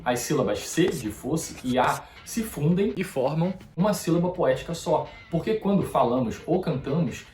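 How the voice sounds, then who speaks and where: A man's voice: a little high, a little mellow. A man hosting a music-analysis show, explaining verse and meter step by step in a didactic way. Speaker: host. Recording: roomy echo.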